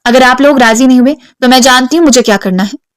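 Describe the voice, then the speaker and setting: A woman's voice: high-pitched, smooth, no room sound, close to an everyday voice. Woman reading a defiant, stubborn young woman. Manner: sharp, defiant retorts. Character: proud, stubborn young woman chasing wealth.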